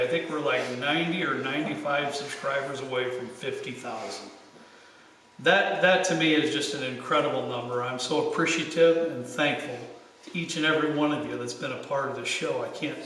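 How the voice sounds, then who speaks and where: A man with a slightly high voice hosts a casual livestream, rambling and doubling back on his phrases. He sounds distant from the mic in a big echoing space. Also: fairly bright tone. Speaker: show host. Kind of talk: casual chat hosting a livestream tasting. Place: unfinished basement with bare floor. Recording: big hall echo, distant mic, faint noise.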